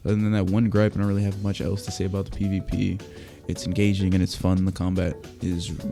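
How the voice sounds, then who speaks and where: Male game reviewer, mellow low delivery, blunt criticism in casual slang, commentary style. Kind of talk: opinionated video review commentary. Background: music behind the voice.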